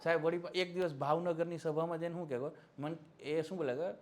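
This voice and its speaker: A male history lecturer with a fairly high voice, teaching an exam-prep class. He talks in a teasing, mocking way, slips satirical asides into the lesson and keeps asking for agreement. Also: fairly even intonation, fast, darkish tone.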